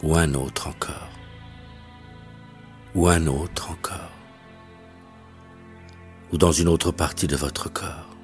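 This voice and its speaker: A male hypnotherapist leading a guided hypnosis session in a slow, detached, hypnotic delivery, with soft music behind him. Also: rumbling low, steady tone. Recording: faint background music.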